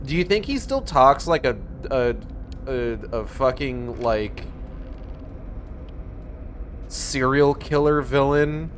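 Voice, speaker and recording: A man's voice: mid-range voice, animated, slow pace, long pauses, a little hiss or hum. A man giving sarcastic, sweary running commentary on a game. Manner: sardonic, sweary. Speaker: game streamer.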